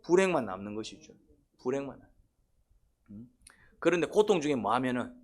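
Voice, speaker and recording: A man's voice: mid-range voice, very animated, brisk. A man preaching a sermon, constantly prompting the congregation with questions and short "eh?" calls. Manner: quizzes the congregation, repeated "eh?" prompts. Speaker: pastor.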